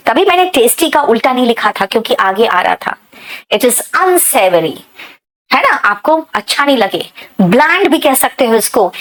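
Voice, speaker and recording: A woman with an Indian accent teaching English in a live online class, often checking with her students and saying example sentences slowly. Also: on the high side, fairly bright tone, rough recording. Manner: addresses students as beta, checks with "right?" often.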